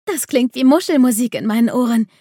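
A woman voicing Coralie, an excitable young mermaid girl who frets easily, in a storybook reading. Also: on the high side, normal speed, husky, dry recording, clean studio sound, pitched above the performer's own voice. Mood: overjoyed.

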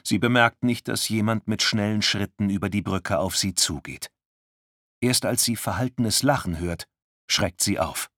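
A man narrating a thriller audiobook in a tense, measured studio reading. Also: lowish voice, fairly bright tone, no echo. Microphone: close studio mic.

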